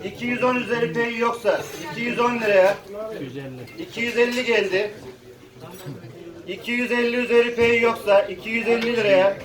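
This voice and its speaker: A live auctioneer from Turkey's Konya region calls out bids in repetitive, chanted phrases, his voice very high and steady at a moderate pace with frequent pauses. He's in an echoey auction room with an audience, picked up by a distant mic amid crowd chatter.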